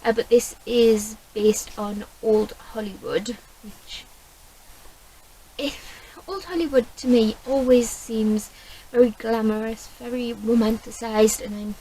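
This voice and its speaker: A woman's voice: a little high, slow, dark tone, slight background noise, rough recording. A woman with a Geordie accent chatting casually to camera about books, rambling and correcting herself as she goes. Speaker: book vlogger.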